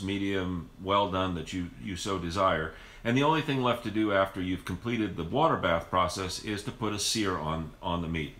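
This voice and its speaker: A man's voice: low-pitched, a bit bright, roomy sound. A man hosting a home cooking video, explaining the method casually and rambling with frequent restarts in his kitchen.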